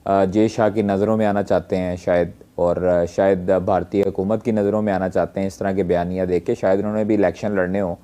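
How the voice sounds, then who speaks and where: A man giving a measured TV comment, pausing with fillers. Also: sits low, flat delivery, warm tone.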